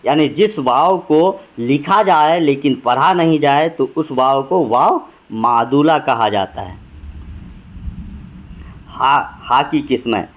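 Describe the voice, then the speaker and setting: A man's voice: on the high side, takes it slowly, dull audio. A man teaching a grammar lesson for exam preparation, patiently listing example words one at a time and repeating them.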